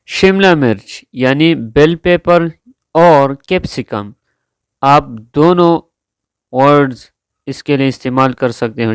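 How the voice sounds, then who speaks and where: This slow, deliberate male teacher, whose first language is Urdu, repeats each English vocabulary word through careful, drawn-out pronunciation practice. His voice sits on the high side with a clear, resonant tone, and the studio-quality audio has no room sound.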